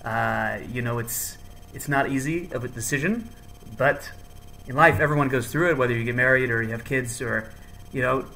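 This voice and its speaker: A man's voice: medium pitch, pushed and bright, a little hiss or hum, poor audio. A man hosting a podcast in a casual, jokey, hyped-up chatting style. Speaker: podcast host. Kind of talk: casual chat.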